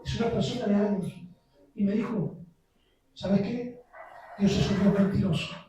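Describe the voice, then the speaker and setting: Impassioned preacher in an echoey church. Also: male voice, high-pitched, moderate pace, distant mic, a little hiss or hum. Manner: impassioned, builds to shouts. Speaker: visiting preacher. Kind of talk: sermon. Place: church sanctuary. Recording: very echoey church, heard from afar.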